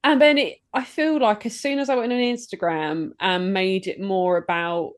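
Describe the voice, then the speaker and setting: A British woman co-hosting a metal podcast, chatting casually, laughing often and pausing to search for words. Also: mid-range voice, fairly even intonation. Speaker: podcast co-host and metal blogger.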